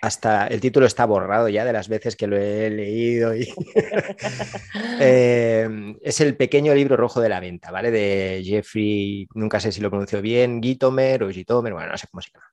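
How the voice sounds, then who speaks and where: A man's voice: fairly low pitch, normal speed, darkish tone, dry recording. A middle-aged man with a Spain Spanish accent, casually recommending business books as podcast co-host, rambling with fillers and self-corrections.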